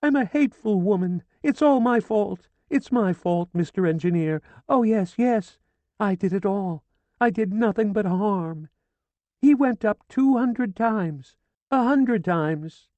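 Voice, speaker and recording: Here a reader plays a distraught older woman in an audiobook, her grief pouring out as hysterical, shrill pleading that nearly becomes a scream. The voice is animated and unhurried, slightly mellow and natural, though the audio is dull and echo-free.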